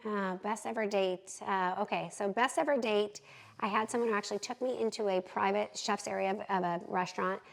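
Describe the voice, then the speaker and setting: Fast-talking woman with a gravelly edge. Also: medium pitch, rough recording. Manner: animated, candid, acts out quotes. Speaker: realtor, podcast guest. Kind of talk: lively storytelling in an interview.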